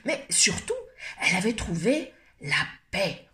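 A woman storyteller at a library, reading a picture book aloud with expressive, lively delivery. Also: fairly low pitch, measured pace, echoey room.

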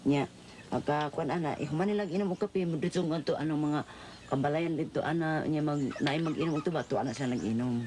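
A woman from the Philippines who belongs to a co-op speaks at length in a documentary interview, her talk rambling and halting and full of fillers. Her voice is deep with a dark tone, and there is slight background noise.

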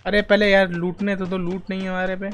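A man's voice: high voice, flat delivery, brisk, a bit bright. A young Indian man streaming a shooter game live, giving urgent callouts to his squad and chatting to viewers, with casual swearing. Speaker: gaming streamer. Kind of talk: live gameplay chat. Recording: noisy stream with gunfire.

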